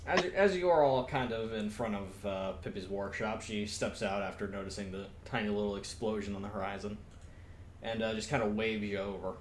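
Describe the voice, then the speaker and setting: A man's voice: on the low side, fairly quick. A man speaking casually as game master, bantering and narrating a tabletop game. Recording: roomy echo, faint background noise.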